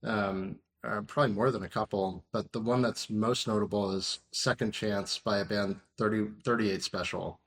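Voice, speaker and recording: A man in his thirties talks as a podcast guest in an easygoing, wandering way. His voice sits on the lower side. He fills every pause with "um" and "like". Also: fairly even intonation, a bit bright. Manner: rambling, many fillers like "um" and "like". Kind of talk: casual interview chat.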